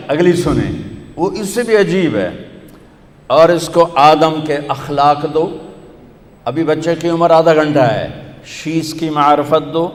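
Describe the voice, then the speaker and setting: A male preacher delivers a sermon with rhythmic, emphatic lists that rise in repetition. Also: on the high side. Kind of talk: Urdu sermon. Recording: echoey hall with long reverb.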